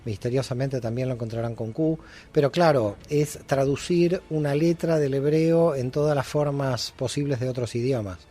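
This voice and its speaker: A man being interviewed as a guest expert, explaining in a teaching manner with frequent pauses and fillers. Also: medium pitch, fairly even intonation, warm tone. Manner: didactic, many hesitations. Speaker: guest scholar.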